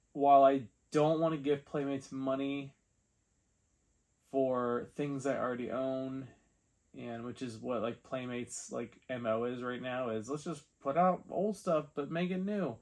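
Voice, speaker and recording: A man's voice: mid-range voice, a little mellow. A man reviewing toy figures in a casual unboxing chat, wry and exasperated.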